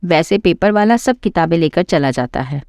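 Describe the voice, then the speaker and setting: A woman's voice: fairly low pitch, expressive, normal speed, darkish tone, no room sound, clean studio sound. A woman voicing a quarrelsome, scornful older mother-in-law who taunts and scolds. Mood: scolding.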